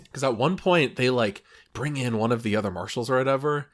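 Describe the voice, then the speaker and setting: A man co-hosting a movie podcast, talking in an animated, rambling way and laughing often. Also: mid-range voice, moderate pace. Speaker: podcast co-host. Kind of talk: casual chat.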